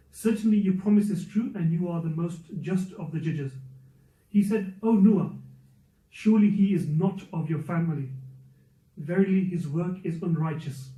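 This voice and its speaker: A man with a high-pitched voice gives an earnest religious lesson to a circle of youth and parents, repeating his main points. He's far from the mic, and the recording sounds muffled in an echoey room.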